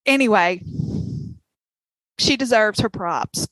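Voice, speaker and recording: A woman's voice: medium pitch, takes it slowly, fairly bright tone, dry recording, low-quality recording. A woman with a Southern US accent, telling a story passionately on a podcast with laughing asides. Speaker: podcast co-host. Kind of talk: casual chat.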